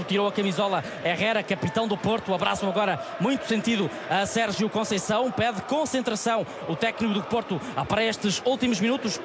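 A man with a European Portuguese accent giving fast, dramatic, urgent football play-by-play commentary in a projected voice close to shouting. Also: sits high. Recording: clear background stadium noise.

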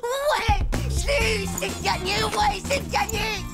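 A woman voicing an excitable, cheeky young schoolboy who whines, yelps and shouts. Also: high-pitched, slow pace, vocal fry, full character voice. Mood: excited. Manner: loud, whiny, yelps and exclamations. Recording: cartoon soundtrack with loud music.

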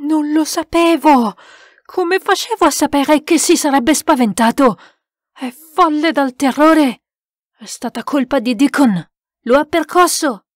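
A woman reading an audiobook aloud, voicing a terrified Frenchman who shouts and pleads frantically. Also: high-pitched, lively intonation, normal speed, dry recording, clean studio sound. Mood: desperate.

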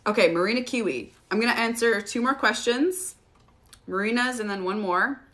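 A woman hosting a casual live Q&A, relaxed and chatty, often laughing as she answers viewers. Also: a little high, normal speed. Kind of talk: casual livestream Q&A.

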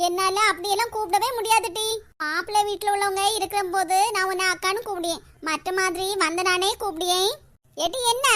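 A woman's voice: very high-pitched, pushed and bright, a little hiss or hum. A woman voicing a chatty, teasing schoolgirl younger sister in a cartoon, with a Kanyakumari Tamil accent.

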